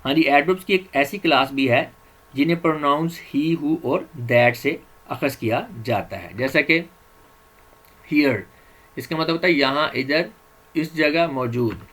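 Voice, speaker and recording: A man's voice: fairly high pitch, a little slow, a bit bright, rough recording. A man teaching English vocabulary, reading word lists aloud and glossing each word with its meanings, with small fillers and self-corrections. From Pakistan. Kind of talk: slide-based vocabulary lecture.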